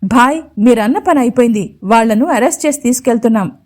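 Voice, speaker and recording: A woman's voice: on the high side, fast talker, a little mellow, close to an everyday voice. A woman voicing a corrupt male police officer who barks orders brusquely. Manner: brusque, commanding. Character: male police sub-inspector, rough and corrupt.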